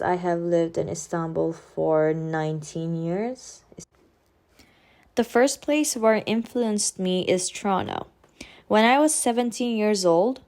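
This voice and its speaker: With a Turkish accent, a woman in her twenties from Turkey talks through her personal student vlog in a sincere, careful manner, occasionally hesitating with fillers. Her voice is mid-range with a darkish tone.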